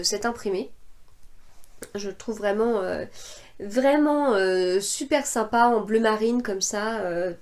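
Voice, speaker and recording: A woman in her thirties or forties talks through her sewing projects in a relaxed, meandering way. Her voice sits at a middle pitch for a woman, and she often pauses with fillers and restarts her sentences. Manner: hesitant, many fillers and restarts. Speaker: sewing podcaster. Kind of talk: casual chat about sewing projects.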